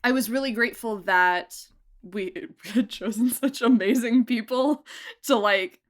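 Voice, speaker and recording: In a casual interview, a woman who directs and produces audio dramas talks with enthusiasm and emphasis, often breaking into giggles. Her voice sits a little high, and she keeps a measured pace.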